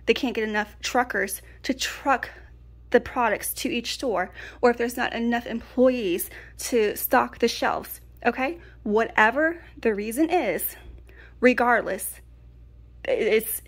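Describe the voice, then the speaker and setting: A middle-aged woman from Louisiana talks through her grocery haul in a chatty, casual way. Her voice sits a little high, and she keeps checking in with the folks watching. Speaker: vlogger. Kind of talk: casual pantry haul chat.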